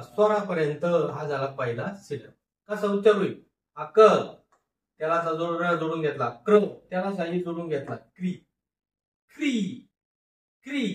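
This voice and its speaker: A man teaching phonics, slowly sounding out words syllable by syllable and repeating each word. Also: a little high. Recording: echoey room, voice a bit far from mic.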